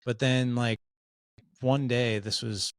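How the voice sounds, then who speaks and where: A man's voice: mid-range voice, little pitch movement, slow pace, smooth, dry recording. A man in his forties, a podcast guest, telling candid stories in a loose, casual way full of "like" and "dude.". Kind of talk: casual storytelling chat.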